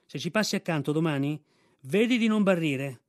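A man's voice: fairly high pitch, animated, normal speed, lightly acted. A man voicing an old veteran army mule in an audiobook, blunt and bossy. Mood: gruff. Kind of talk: audiobook reading.

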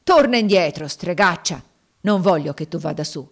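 A woman's voice: low voice, moderate pace, a little mellow. A woman voicing a brutal, cursing male slave master who is secretly frightened, in an audiobook reading. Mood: blustering, uneasy. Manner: blustering, cursing.

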